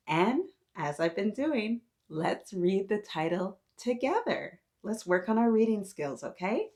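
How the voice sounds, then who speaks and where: A woman hosts a children's story time, reading aloud to young listeners in an encouraging, teacher-like way with questions and praise. Her mid-range voice is a little mellow and sing-song, at a measured pace.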